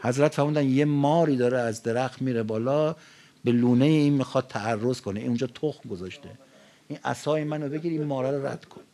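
A man from Iran giving a conversational religious sermon, telling stories and rising loud and high at the peaks. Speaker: preacher.

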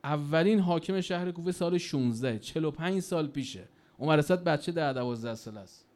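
A man preaching a sermon in a colloquial storytelling manner, his voice rising and falling sharply in loudness. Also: on the high side, animated. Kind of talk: religious sermon.

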